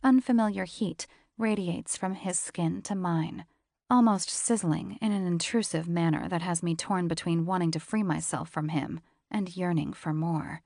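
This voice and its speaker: Female romance audiobook narrator, intimate and confessional, gravelly, dry studio sound. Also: lowish voice, fairly even intonation, moderate pace, darkish tone, no room sound. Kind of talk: scripted first-person romance narration.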